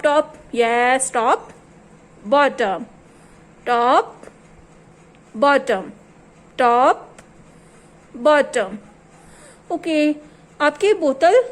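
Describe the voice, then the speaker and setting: A woman with a high voice teaches a small child at home, taking her time over each word. She patiently repeats word pairs again and again and slips English words into her Hindi. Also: lively intonation, extremely slow, pauses often.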